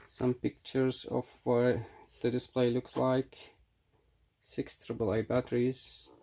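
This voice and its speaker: This reviewer's voice is mid-range and flat, and he takes it slowly as he casually demonstrates a product without a script. He sounds hesitant, working things out aloud, against a clearly noisy backdrop with clicks.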